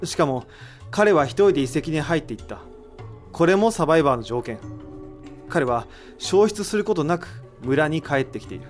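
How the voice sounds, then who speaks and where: With soft music underneath, a man performs an analytical character in an amateur audio drama, confidently reasoning out the mystery and asking rhetorical questions as he explains. His voice is a little high, expressive and normally paced, only lightly acted.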